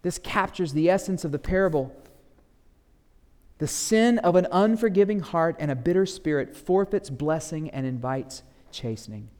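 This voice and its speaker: A man preaching a sermon as pastor, acting out quoted voices and swinging between loud emphatic lines and hushed ones. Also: a little high, animated, normal speed, in a large hall. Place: church sanctuary.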